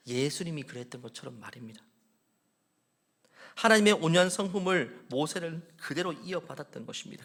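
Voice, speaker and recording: A man's voice: fairly high pitch, fairly bright tone. A male pastor delivers a sermon in a church, his voice set a little above the usual range for a man. He asks the congregation question after question and acts out the prayers he quotes. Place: church sanctuary.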